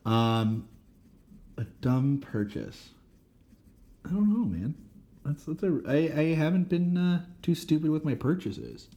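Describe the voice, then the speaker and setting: A woman's voice: low voice, lively intonation, slow pace, pauses often, dark tone. A woman co-hosting a podcast in casual chat, dry and hesitant with jokes. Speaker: podcast co-host.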